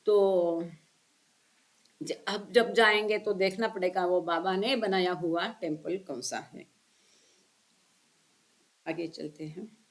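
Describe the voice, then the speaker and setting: This is a woman, reading a spiritual book aloud at a very unhurried pace. Her voice sits fairly low, and after each passage she slows down further to explain it, often turning to her listeners with questions. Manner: reads each passage slowly, then explains it at length. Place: online session.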